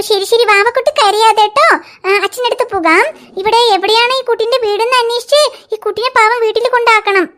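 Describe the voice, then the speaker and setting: A kind, motherly cartoon aunty who soothes and fusses over a lost little one, as a woman voices her. Her tone is very high. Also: fairly bright tone. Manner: soothing, fussing.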